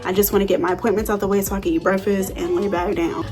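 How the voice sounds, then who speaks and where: A young woman chatting casually through a makeup tutorial, telling animated stories in slang with plenty of swearing. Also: medium pitch, fast, faint music behind. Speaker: beauty vlogger.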